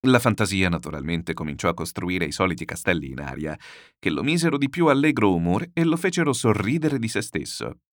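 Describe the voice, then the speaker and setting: Lively low-voiced male audiobook narrator. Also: brisk, dry recording, clean studio sound. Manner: animated, theatrical reading. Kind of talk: expressive audiobook reading.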